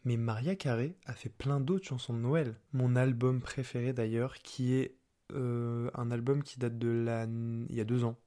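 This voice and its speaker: Young guy podcasting from his apartment, slangy playful chatter, mid-pitched voice. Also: steady tone, unhurried, dark tone. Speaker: podcast host. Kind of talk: casual solo podcast chat.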